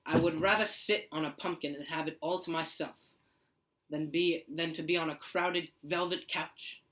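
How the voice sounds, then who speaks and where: Young man doing a proud nonconformist writer, somewhat high voice, steady recited lines, amateur skit. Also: moderate pace, lightly acted, poor audio. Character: proud male nonconformist writer, plain-spoken. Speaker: interview guest in a school skit.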